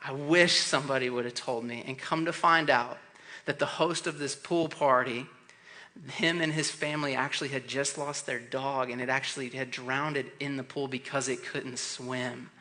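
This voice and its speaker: A man's voice: medium pitch, normal speed. A man preaching as youth pastor to students, telling a story and acting out the voices in it. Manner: animated, acts out quoted voices. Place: church youth room.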